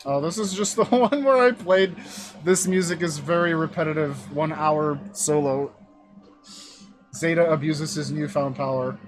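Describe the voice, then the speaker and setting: Man, high natural voice, self-deprecating livestream host, music bed behind. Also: measured pace. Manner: rambling, self-deprecating, chatty. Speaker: YouTuber hosting an anniversary stream. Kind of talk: casual livestream commentary.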